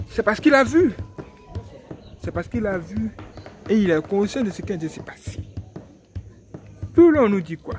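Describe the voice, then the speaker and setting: A young man with a voice on the high side teaches from the Bible. He retells a story in a lively sermon full of exclamations and repeated phrases.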